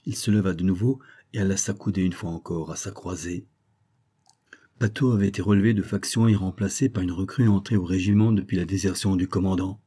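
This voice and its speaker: Guy reading an old novel aloud, dark husky voice, measured. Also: sits low, fairly even intonation. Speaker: audiobook narrator.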